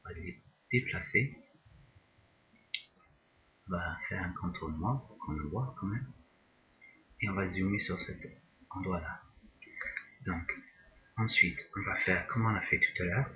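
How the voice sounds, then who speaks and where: A man teaching a software drawing tutorial, talking slowly and hesitantly, often repeating words as he works. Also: deep voice, dull audio. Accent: non-native English pronunciation. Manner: slow, hesitant, repeats words while working. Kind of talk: screen-recorded software tutorial.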